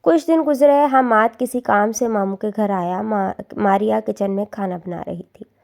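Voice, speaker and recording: A woman narrating a dramatic story in a steady, earnest scripted reading. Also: mid-range voice, gravelly.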